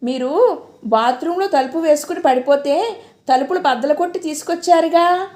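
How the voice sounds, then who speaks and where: A woman voicing a hurried, respectful young housemaid in an audio story. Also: high voice, a little mellow, pitched above the performer's own voice, lightly acted.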